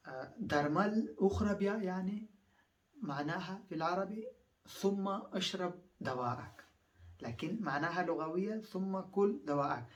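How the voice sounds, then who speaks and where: A man's voice: high-pitched, normal speed, long pauses, recorded from a distance. Man teaching phrases, mic set back. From Afghanistan. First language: Pashto. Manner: repeats each phrase several times, explains patiently with many fillers. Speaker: language teacher. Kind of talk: phrase-by-phrase language lesson.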